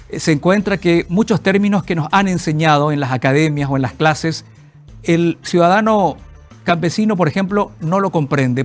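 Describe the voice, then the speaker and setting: Presentador paraguayo de voz algo aguda. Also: male voice, on the high side. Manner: inquisitive, asks long framing questions. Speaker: TV host. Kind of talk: interview host.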